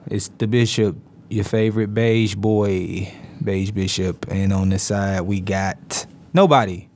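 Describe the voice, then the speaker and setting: A man's voice: lowish voice, fairly even intonation, slow, a little mellow, a little hiss or hum. A man with a Detroit-area American accent co-hosting a podcast in casual banter, joking, laughing often and trailing off. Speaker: podcast co-host. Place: podcast studio.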